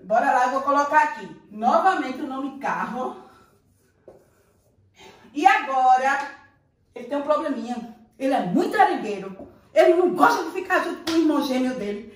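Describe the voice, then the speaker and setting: A woman's voice: high-pitched, expressive, normal speed, pauses often. Woman teacher, Brazilian Portuguese, playful and affectionate, echoey room. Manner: playful, affectionate, sing-song teacher talk. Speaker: primary school teacher. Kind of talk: recorded online lesson for young children. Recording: echoey room, voice a bit far from the mic.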